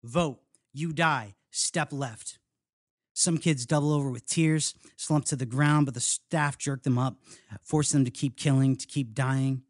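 A man reading aloud from his memoir at a live reading, in an earnest, measured and rhythmic way. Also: medium pitch, steady tone, darkish tone, no room sound, studio quality. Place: house reading event, indoors.

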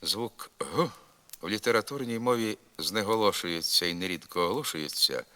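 Deep-voiced guy drilling words one at a time for a pronunciation lesson, crisp and bright, super slow. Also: animated. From Ukraine. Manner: deliberate, clearly articulated word-by-word reading. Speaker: pronunciation teacher. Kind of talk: slow recorded diction lesson with word drills. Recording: vinyl record rip.

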